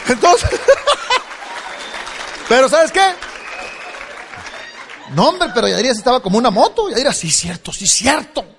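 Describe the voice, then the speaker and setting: A man's voice: extremely high pitch, huge pitch swings, slow, pauses often, a crowd in the background, background noise. A middle-aged man telling a humorous life story to a live audience, joking and laughing as he goes. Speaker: speaker giving a testimony. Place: stage before an audience.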